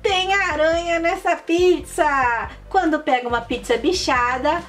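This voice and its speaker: A woman hosting a children's channel, playing a board game in an excitable, sing-song presenter way with lots of exclaiming. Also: high-pitched, measured pace. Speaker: kids' channel host. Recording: voice a bit far from the mic, faint music.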